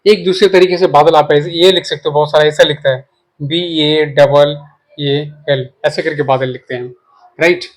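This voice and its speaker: Male teacher, slightly higher voice, patient, repetitive, checks in constantly. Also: fairly even intonation, normal speed. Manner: explains while writing. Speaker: English teacher. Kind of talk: casual spoken lesson.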